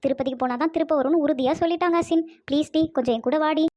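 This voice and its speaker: A woman's voice: sits high, very fast, dark tone, no echo, lightly acted. A woman voicing a troubled married woman in a cartoon comedy, worried and pleading.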